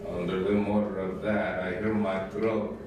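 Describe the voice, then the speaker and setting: A man playing a haunted captive officer, slow. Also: low-pitched, little pitch movement, over loud music. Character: traumatized captured officer, grim and bitter. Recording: echoey distant room with ambient noise.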